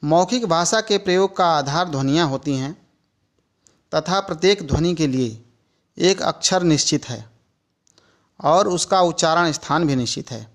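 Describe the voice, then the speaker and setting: A man giving a recorded e-learning lecture, explaining slowly and deliberately and speaking worked examples aloud. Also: a little high. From India. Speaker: teacher educator.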